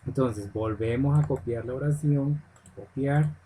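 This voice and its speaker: A man's voice: mid-range voice, unhurried, warm tone, slight background noise, low-quality recording. A man teaching English grammar step by step in a screen-recorded lesson, often checking in with "ok?". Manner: patient step-by-step explaining, checks in with "ok?".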